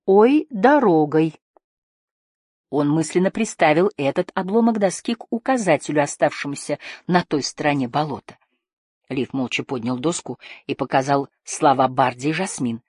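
Audiobook narrator, woman, lowish husky voice, dry close sound. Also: moderate pace, no echo. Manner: steady storytelling. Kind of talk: scripted narration.

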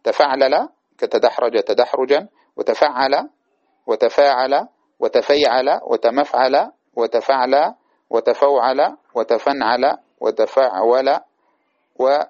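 Male teacher, mid-pitched, patient and methodical, reciting verses and drilling examples; dull lo-fi take. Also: darkish tone. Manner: recites verse lines and repeats examples slowly. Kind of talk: classical grammar lesson. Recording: dull lo-fi recording.

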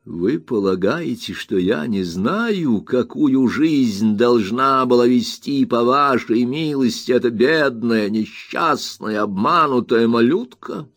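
A man reading aloud, voicing a stern and indignant elderly aunt who scolds in slow, emphatic phrases. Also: medium pitch, animated, no room sound, studio quality. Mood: indignant scolding.

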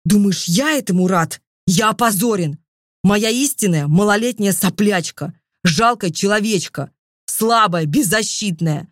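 A woman voicing an arrogant male dragon lord in an audiobook, speaking with slow, commanding contempt. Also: on the low side, no echo, clean studio sound, lightly acted. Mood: furious.

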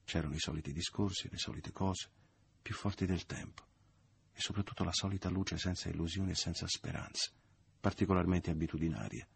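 A man narrating a classic novel as an audiobook, in a measured, subdued and expressive reading. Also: deep voice, vocal fry, slightly rough.

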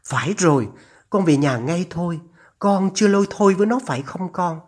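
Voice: medium pitch, lively intonation, a little fast, lightly acted. A narrator voicing an anxious older mother on the phone, her trembling voice urgent and scolding as she pleads.

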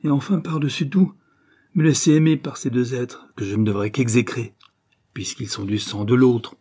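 A man's voice: mid-range voice, steady tone, moderate pace, mellow, husky, close to an everyday voice. A man voicing a proud, grieving older countess, a mother torn over vengeance, in an impassioned declamatory reading. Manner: intense, emotional, declamatory. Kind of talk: audiobook reading.

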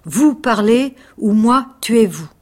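A woman voicing a tattooed male cannibal harpooner who speaks in slow, guttural, broken phrases in a read-aloud story. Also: a little high, lively intonation, darkish tone. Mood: menacing.

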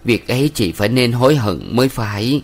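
A man's voice: mid-range voice, animated, fairly quick, voice pushed up. A man voicing a stern, moralizing middle-aged village matron who lectures a young woman with sugary sternness in a read-aloud novel. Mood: lecturing.

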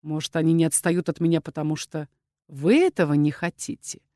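A woman voicing a sardonic male dragon inquisitor who speaks in a slow, low, mocking drawl. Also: fairly even intonation, dark tone, dry recording, studio quality, lightly acted. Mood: sarcastic.

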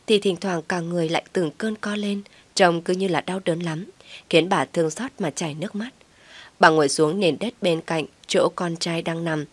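A woman narrating a story in a calm, steady storytelling manner. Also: on the low side, dry recording.

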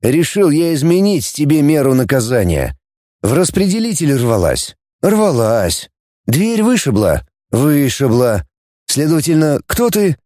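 A gruff male space-fleet coordinator barks orders and sneers at the crowd, as a male audiobook narrator plays him. His voice is mellow and lively in pitch, with a tough, mocking edge. The sound is close and dry. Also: normal speed, no room sound. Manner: barking orders, sarcastic.

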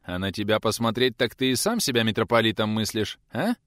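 A man voicing a gruff, sarcastic older male teacher who scolds bluntly. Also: fairly low pitch, expressive, a little fast, a bit bright, dry recording, studio quality. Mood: gruff scolding.

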